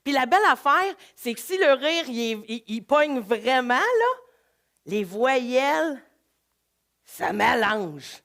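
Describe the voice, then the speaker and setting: A woman with a Québécois accent, leading a live laughter workshop in an energetic, coaxing way. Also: sits high, slow. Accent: Québécois French. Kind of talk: live workshop talk to an audience.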